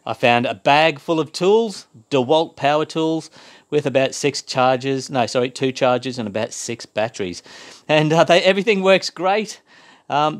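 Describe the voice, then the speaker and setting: An Australian man chatting casually as he works on a home renovation project, rambling and making fun of himself. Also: fairly high pitch. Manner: chatty, self-mocking, rambling with fillers. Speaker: DIY home renovation vlogger. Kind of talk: casual DIY vlog. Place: indoors in a house under renovation.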